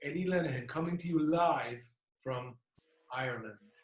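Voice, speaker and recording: A man's voice: a little high, normal speed. A man co-hosting an interview in a casual, chatty style. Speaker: co-host. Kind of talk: casual chat, addressing viewers. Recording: roomy, echoing sound.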